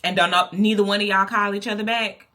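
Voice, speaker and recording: A woman's voice: medium pitch, steady tone, fast, sharp tone. A woman with a Texan accent, vlogging to camera in a chatty, playful, colloquial way. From Texas. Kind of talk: casual vlog talk to camera.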